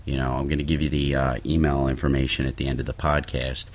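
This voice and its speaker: Very deep-voiced rambling male podcast host. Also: little pitch movement, quick pace. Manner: loose, rambling, often says okay and you know. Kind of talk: casual religious podcast talk.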